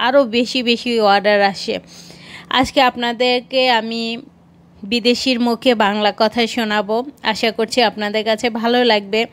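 A woman's voice: fairly high pitch, fairly even intonation, normal speed, fairly bright tone. A woman with a Bangladeshi accent giving casual vlog narration. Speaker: vlogger.

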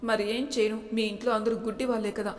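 A woman's voice: a little high, flat delivery, fast talker, long reverb tail, close to an everyday voice. A woman voicing a hurt, upset young woman in a read-aloud story.

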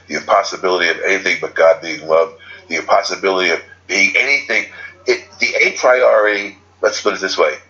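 A man with a low, sharp voice gives an unscripted spiritual talk as a teacher, heard through lo-fi audio. He rambles, restarting and correcting himself as he goes.

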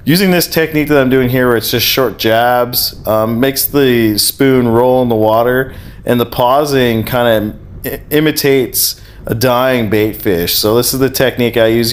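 Man calmly explaining a fishing technique. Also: mid-range voice, moderate pace. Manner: calm, practical, explains step by step. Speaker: fishing vlogger. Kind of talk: explanatory voice-over narration.

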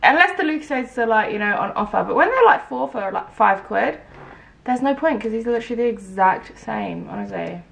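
A woman's voice: on the high side, expressive, a little fast, gravelly. A woman, chatting casually over a reaction video in rambling asides. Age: 20s. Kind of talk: casual chat.

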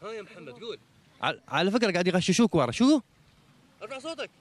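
A man's voice: high voice, rapid-fire. A man hosting a TV show, giving a short religious talk and then chatting playfully with children in a mosque courtyard. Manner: lively, teasing, chatty with children. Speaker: TV show host. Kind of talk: religious talk and quiz with audience.

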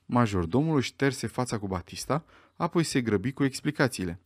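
A man narrating a mystery audiobook in an expressive, dramatic way. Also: mid-range voice, no room sound, clean studio sound.

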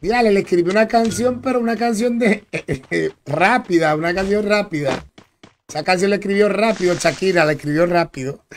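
Male gaming streamer, high voice, slangy and casual, shout-outs to viewers, noisy recording. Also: moderate pace. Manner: chatty, greets viewers by name, slangy. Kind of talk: casual live-stream chat while gaming. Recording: clear background noise with clicks.

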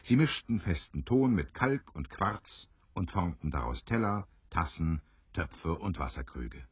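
An adventure audio drama is narrated by a man whose voice is extremely deep and smooth. His measured storytelling rises and falls expressively with lively intonation, and the recording is dry, slightly dull and free of echo.

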